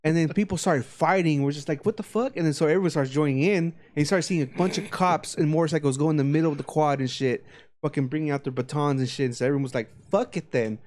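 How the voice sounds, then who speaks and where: A man's voice: fairly high pitch, fast talker, a little mellow. A man in his thirties co-hosting a casual podcast and telling rambling, profane stories. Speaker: podcast co-host. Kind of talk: casual drunken chat.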